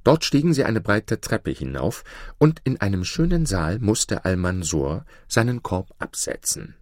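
Male storyteller, low voice, lively expressive lilt, dry close sound. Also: a little slow, no echo. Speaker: narrator. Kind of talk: storybook reading.

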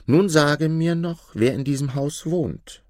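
A man voicing a cunning, rough bandit who speaks brusquely. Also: on the high side, slow pace, darkish tone, no room sound, clean studio sound, voice pushed up. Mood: scheming.

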